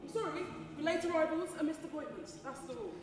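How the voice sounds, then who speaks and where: A woman's voice: high-pitched, lively intonation, crowd noise. A woman playing a curt, rule-bound benefits clerk. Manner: brisk, clipped, dismissive. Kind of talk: stage play acting. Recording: echoey hall, far from mic, noisy.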